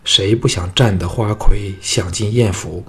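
Audiobook role: wry, earnest young hero, read by a man with a low, husky voice. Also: a little slow, exaggerated voice. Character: bold young male hero, wry and worried.

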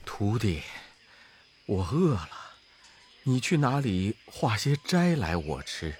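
Male storyteller as a soft, gentle monk, lowered and unhurried, in an audio tale. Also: big pitch swings, slightly rough, exaggerated voice. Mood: mild. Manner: quiet, mild, lowered voice. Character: gentle, soft-spoken pious monk, adult man.

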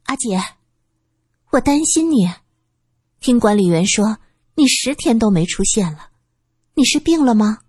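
An earnest young woman, as a narrator puts her on, urgent and insistent in a storybook reading. Her voice is husky and a bit higher than the narration, and it rises and falls widely. The sound is close and dry. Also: expressive, unhurried, long pauses, darkish tone, no room sound. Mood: concerned. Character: earnest young woman reporter, caring and determined.

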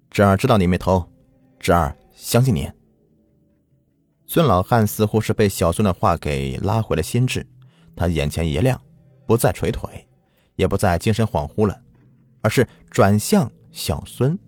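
A man's voice: lowish voice, a little mellow, no room sound. A man narrating a folk ghost story in a dramatic, lilting storytelling manner.

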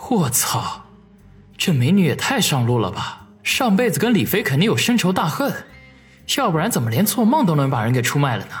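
Guy voicing a foul-mouthed cheeky young burglar, pitch jumps all over, faint music. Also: sing-song, normal speed, slightly rough, heavily acted. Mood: crude. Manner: coarse, swearing, teasing. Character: crude mischievous young male burglar. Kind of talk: audiobook character voice.

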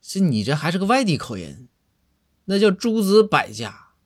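A man's voice: a little high, huge pitch swings, fast talker, dry recording, studio quality, voice pushed up. A man voicing a bantering, easily exasperated emperor in a comic story. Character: indignant old male emperor, easily pleased.

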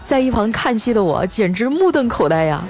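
A woman hosting a show, telling comic stories about her life in a chatty way, with lots of drawn-out filler particles. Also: a little high, big pitch swings, darkish tone, soft background music, a faint crowd. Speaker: host. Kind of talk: scripted comic storytelling.

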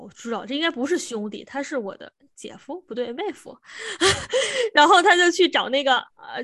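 A woman with a fairly high voice retells a fairy tale in a loose, chatty way. She stops to correct herself as she goes. The sound is dry and close, with no room around it. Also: fairly bright tone, no echo. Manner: meandering, self-correcting, laughs often. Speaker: podcast co-host. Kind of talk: casual storytelling chat.

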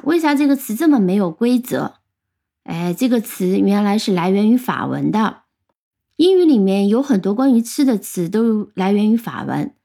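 A woman with a mellow, warm voice gives an English vocabulary lesson. She explains each word patiently and spells it out letter by letter. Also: medium pitch, vocal fry. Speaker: English teacher.

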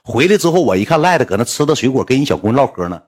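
Fast, husky man with a Northeastern accent. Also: medium pitch, very animated, darkish tone. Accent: Northeastern Mandarin. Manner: rambling, colloquial, repeats himself. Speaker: storyteller. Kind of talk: casual anecdote telling.

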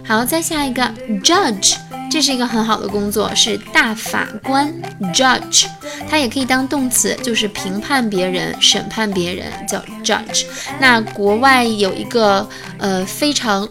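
A woman with an explains English vocabulary in a relaxed, patient way, stretching out example words. Her voice sits a little high. Music plays clearly beneath her. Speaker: English teacher. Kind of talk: casual spoken lesson.

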